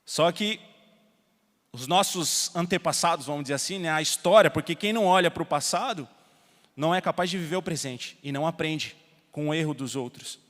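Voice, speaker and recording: A Brazilian man preaching a sermon as pastor, telling stories with soft asides and loud emphasis. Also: fairly high pitch, normal speed. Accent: Brazilian Portuguese. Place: church hall. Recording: long reverb of a church hall.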